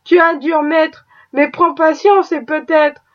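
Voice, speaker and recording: A woman's voice: high voice, fairly even intonation, a little slow. A woman reading an audiobook, voicing a loving, anxious young wife in a tender, pleading way. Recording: dull lo-fi recording.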